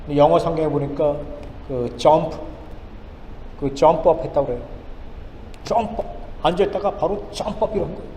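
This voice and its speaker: A male pastor preaching a sermon, firing off rhetorical questions and swinging between loud and hushed lines. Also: on the high side, moderate pace, pauses often, slight background noise. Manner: emphatic, rhetorical questions, dramatic swings in loudness. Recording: echoey church hall with faint ambience.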